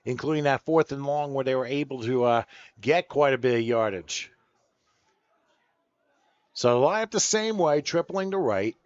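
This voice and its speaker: A man calling play-by-play for a football game, building excitement as the plays unfold. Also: mid-range voice, normal speed, long pauses, dry recording, dull audio. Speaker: play-by-play announcer. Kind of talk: sports play-by-play commentary.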